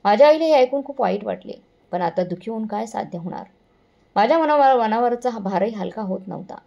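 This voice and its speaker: Gravelly woman telling a somber story. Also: on the high side, animated, brisk, warm tone, lo-fi sound. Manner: earnest, somber telling with self-corrections. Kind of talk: first-person moral story narration.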